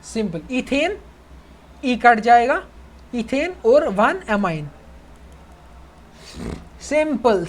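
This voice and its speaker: A man's voice: high voice, slight background noise. A young man teaching chemistry in a casual online lecture, chatty, calling his students "bhai" and checking that they follow. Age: young adult. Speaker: chemistry tutor.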